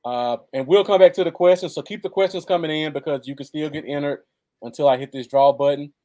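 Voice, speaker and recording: A man's voice: on the high side, fast, mellow. An American man chatting casually as co-host of a live football fan show. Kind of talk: casual live sports chat.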